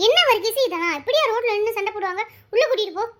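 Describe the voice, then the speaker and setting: A woman doing a very high-pitched peacemaking neighbour. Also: animated, rapid-fire. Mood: coaxing. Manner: soothing, coaxing, scolding gently.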